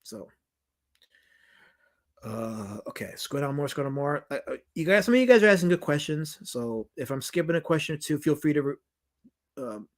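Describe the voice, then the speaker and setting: A higher-pitched New York man with big pitch swings speaks at a moderate pace and pauses often. He's a documentary director on a casual livestream, reading comments and answering emphatically with lots of restarts and repetition.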